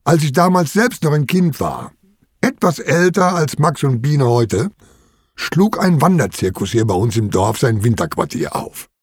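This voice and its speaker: A middle-aged man narrating a children's farm story in an expressive storytelling manner. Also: measured pace, slightly rough, no echo, studio quality. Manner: expressive, sweeping pitch.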